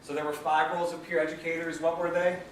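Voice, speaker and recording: A male trainer lectures with energy, asking the group questions as he goes. His voice sits fairly high for a man. The room is very echoey, the mic is far away, and a steady noise runs underneath. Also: quick pace. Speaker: peer education trainer.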